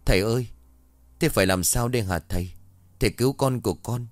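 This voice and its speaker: A man voices a frightened young father in the village. He pleads with frantic cries, his voice lifted above the storyteller's usual low tone. The sound is dry and close. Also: a little fast, dry recording, close to an everyday voice. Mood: panicked.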